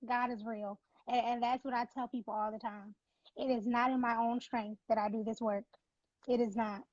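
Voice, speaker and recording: A woman's voice: fairly high pitch, steady tone, moderate pace, no echo, dull audio. A woman who founded a nonprofit, speaking as an interview guest in an earnest, faith-driven, emphatic way. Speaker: nonprofit founder, former NICU mom.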